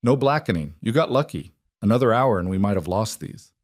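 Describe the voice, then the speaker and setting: A man playing a rough, gruff frontier farmer in a storybook narration, speaking earnestly. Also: on the low side, lively intonation, brisk, no echo, studio quality. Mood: gentle.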